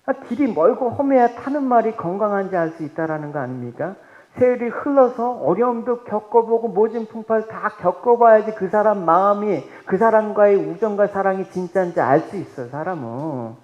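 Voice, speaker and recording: A male pastor preaching a sermon, animated, firing rhetorical questions at the congregation and swinging between loud and hushed. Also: sits high, moderate pace, dull audio.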